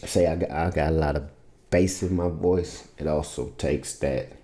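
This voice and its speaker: A male music producer with a bass-heavy, warm, steady voice teaches vocal mixing in a casual screen-share tutorial. He's laid-back, loose and rambling, speaking at a moderate pace, and his home-studio recording has a roomy echo.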